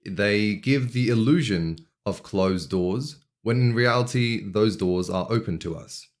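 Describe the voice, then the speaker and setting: With a fairly low pitch, an earnest young man vlogs a personal, reflective monologue. He's from Australia, English isn't his native tongue, and he tells his story in a measured way marked by deliberate pauses.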